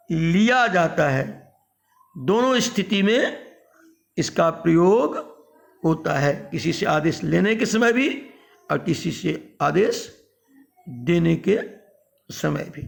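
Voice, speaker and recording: A man teaching a grammar lesson, chanting verb forms in a slow sing-song drill and then explaining them. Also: sits high, expressive, gravelly. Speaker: Sanskrit teacher.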